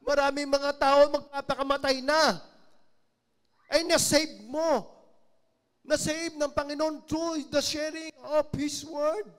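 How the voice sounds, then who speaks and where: Filipino lay preacher, high-pitched man, sermon storyteller, dips quiet then swells loud. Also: steady tone, takes it slowly. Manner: storytelling, acting out quoted voices, swings from hushed to loud. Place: church.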